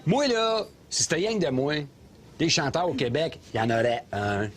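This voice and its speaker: An actor with a Québécois accent playing a loud, opinionated middle-aged taxi driver who rants and mocks sarcastically, in a comedy sketch filmed inside a cab. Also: male voice, a little high, big pitch swings, normal speed. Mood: ranting. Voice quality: sarcastic ranting, mocking.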